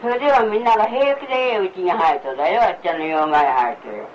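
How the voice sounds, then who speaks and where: A woman's voice: lowish voice, fast, slight background noise. An older woman grumbling and repeating the same complaints, recorded at home. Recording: distant, dull home recording.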